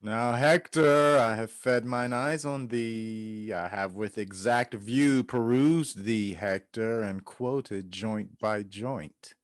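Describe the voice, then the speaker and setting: A man's voice: on the low side, slow pace, hardly any pauses. A man playing a proud, menacing warrior champion in declamatory Shakespearean stage acting.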